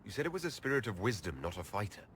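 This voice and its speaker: An actor playing a steady, supportive, plain-spoken male elven leader in a video game drama. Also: on the low side, very fast, slight background noise.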